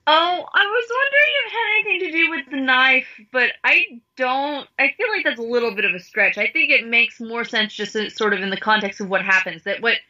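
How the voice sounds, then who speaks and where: A woman's voice: sits high, expressive, fairly quick, hardly any pauses, pushed and bright, muffled recording. A woman in a casual study discussion, talking chattily with constant "like" fillers and sarcastic paraphrases of the text. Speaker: study partner.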